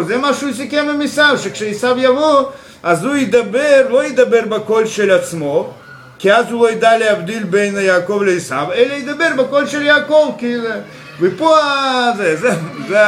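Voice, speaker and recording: A man teaching a Torah class, pausing often with fillers and rhetorical questions. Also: very high-pitched, lively intonation, a bit bright. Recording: echoey room with faint background noise.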